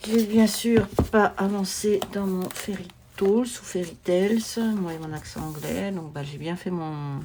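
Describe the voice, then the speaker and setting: Rambling woman chatting casually, lowish voice. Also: steady tone, normal speed, hardly any pauses, a little mellow, a little hiss or hum. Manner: rambling, meandering, with many fillers and restarts. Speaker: coloring vlogger. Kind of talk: casual chat to camera.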